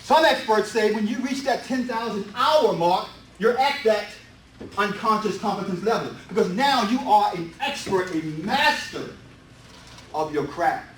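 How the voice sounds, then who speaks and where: A real estate seminar presenter delivers a motivational talk in an indoor meetup room, emphatic and repetitive and packed with rhetorical questions. His voice sits high, expressive and fairly bright, at an unhurried pace. The recording is distant and echoey, a live room with background noise.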